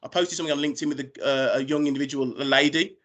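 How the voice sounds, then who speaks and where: A British man talks as a recruiter in an informal business presentation. His voice sits a little high for a man, and he is speaking on an online call. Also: fairly even intonation, rapid-fire, a bit bright. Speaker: recruiter presenting job opportunities.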